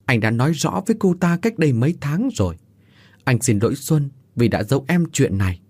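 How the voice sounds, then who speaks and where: A man voicing a bound, desperate young man who begs and shouts in a frantic voice. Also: medium pitch, big pitch swings, a little fast, husky, no echo, clean studio sound. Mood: earnest.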